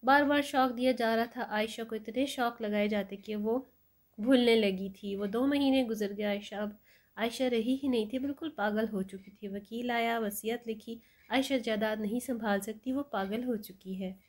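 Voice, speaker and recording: A woman's voice: on the high side, moderate pace. A woman storyteller narrating an emotional story in a dramatic, mournful way.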